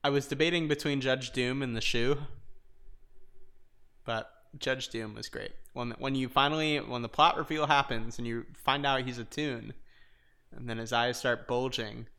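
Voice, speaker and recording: Upbeat dude, bright voice, laughs a lot, middle pitch. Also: male voice, steady tone, normal speed, clear, resonant tone. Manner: enthusiastic, laughing. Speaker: co-host. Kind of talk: casual chat.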